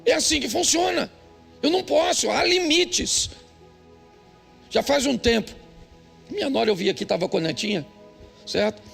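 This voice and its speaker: Older man, Brazilian Portuguese accent, pastor, humorous sermon, gravelly fry, faint background music. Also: lively intonation, normal speed, long pauses. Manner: jokey, emphatic storyteller with sudden high shouts.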